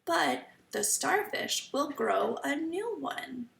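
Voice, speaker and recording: Female kids show host type for story time read-aloud, very creaky voice, slow delivery, teaching and questioning young listeners. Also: a little high, lively intonation, a bit bright. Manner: kids show host, addressing children with questions and simple explanations. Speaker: children's teacher reading a picture book aloud. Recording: roomy echo, slightly distant mic.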